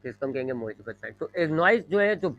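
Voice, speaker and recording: A man's voice: fairly high pitch, expressive, fast talker, fairly bright tone, muffled recording. A male physics teacher, giving a classroom lecture, explaining with repeated everyday examples and drawing on a board as he talks. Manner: explains with repeated examples, frequent "जी", mixes English terms; draws on a board while talking. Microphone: microphone.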